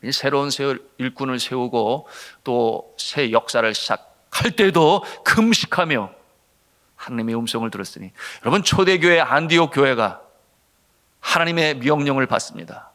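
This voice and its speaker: A middle-aged man, a senior pastor, preaching a sermon with a personal testimony, speaking to the congregation directly and moving between loud urgency and hushed tones. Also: medium pitch, lively intonation, moderate pace. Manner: impassioned, swinging from loud to hushed, addresses the congregation.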